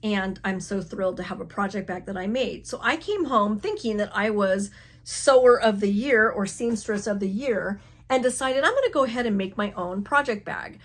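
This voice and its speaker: Casting note: middle-aged woman crafting vlogger, animated, laughs at herself, mid-pitched voice, casual home setting. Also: normal speed. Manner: animated, self-mocking, laughs often. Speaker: crafting channel host. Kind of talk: casual chatty vlog.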